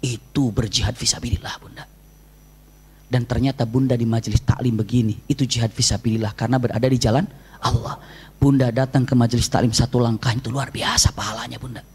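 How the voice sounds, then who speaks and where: A man, preaching in an animated storytelling sermon to a women's study group and addressing them directly. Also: medium pitch, quick pace, breathy edge.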